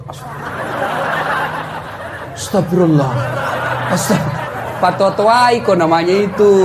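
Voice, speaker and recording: Male preacher, high-pitched, comic storyteller who swings from booming to hushed, faint background noise. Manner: humorous storytelling, jumps from loud exclaiming to low confiding tones. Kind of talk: comedic sermon. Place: before a live congregation.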